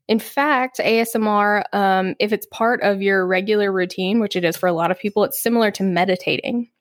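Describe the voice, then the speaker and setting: A woman's voice: mid-range voice, a little fast, dry recording. A woman co-hosting a podcast in casual chat, chatty and reading research notes aloud. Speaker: podcast co-host.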